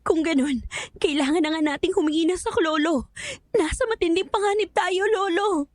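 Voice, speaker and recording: A woman's voice: very high-pitched, moderate pace, no room sound, clean studio sound. A woman voicing an anxious, doubting young granddaughter in an audio horror drama, speaking fearfully. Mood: worried. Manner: fearful, tearful outcries.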